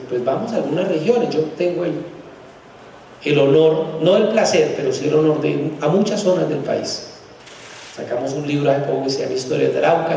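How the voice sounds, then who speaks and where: A middle-aged man with a Bogotá Colombian Spanish accent giving a conference lecture, emphatic and sarcastic, his pitch jumping up to stress points. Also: creaky, a little mellow, a little hiss or hum. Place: large hall. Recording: echoey hall from far off.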